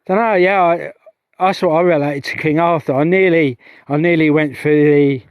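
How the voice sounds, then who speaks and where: A middle-aged man, a UFO investigator vlogger, livestreams from a heath outdoors, rambling chattily and interrupting himself as he keeps starting over. His voice is on the high side with fairly even intonation at a normal speed, and the tone is clean with no echo.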